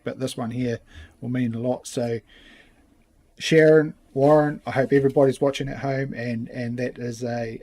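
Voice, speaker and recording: A man with a New Zealand accent hosting casually, talking in a halting, unscripted way. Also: mid-range voice, dark tone. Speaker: race series host. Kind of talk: casual unscripted thank-you talk.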